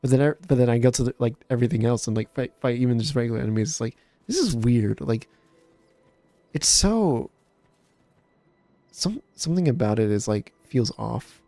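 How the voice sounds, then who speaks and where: A man playing a video game and chatting casually, laid-back and rambling with frequent halting restarts. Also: mid-range voice, animated, warm tone, dry recording. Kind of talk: casual let's-play chat.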